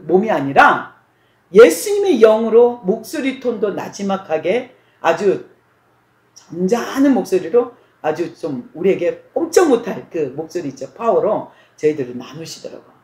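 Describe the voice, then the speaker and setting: Woman preacher, testimony sermon, dramatic and animated storyteller, roomy hall sound. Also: mid-range voice, normal speed. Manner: dramatic storytelling, acting out quoted voices.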